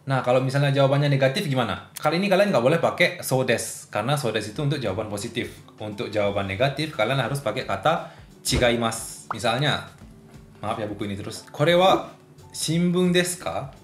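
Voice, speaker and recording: Talking fast in a mid-range voice, a man teaches Japanese informally from a room in his home. He keeps the explanations simple and plays out brief sample conversations, and the recording has a roomy sound with faint music.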